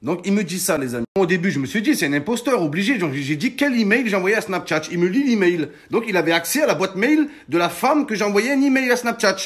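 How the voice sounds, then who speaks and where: A man, telling his followers an animated story of being hacked and threatened, emphatic and swearing often. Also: high-pitched, fast talker, hardly any pauses. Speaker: social media personality.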